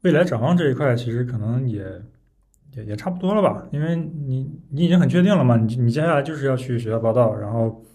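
A man's voice: mid-range voice, expressive, quick pace, dark tone. A man speaking as the host of a casual interview, asking questions conversationally.

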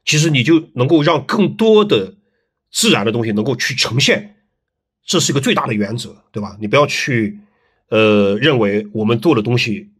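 A middle-aged man, a landscape design teacher, telling stories in a relaxed interview with lots of fillers and tag questions. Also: mid-range voice, moderate pace, slightly rough. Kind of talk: casual interview storytelling.

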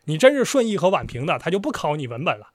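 Man, fairly high voice, animated explainer, storyteller cadence, dry close sound. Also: fast talker, no echo. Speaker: podcast host explaining history. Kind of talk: casual history chat.

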